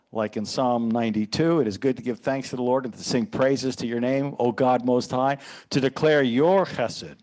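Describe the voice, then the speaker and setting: A man's voice: mid-range voice, darkish tone. A man preaching as a pastor, teaching earnestly and quoting scripture in a sermon.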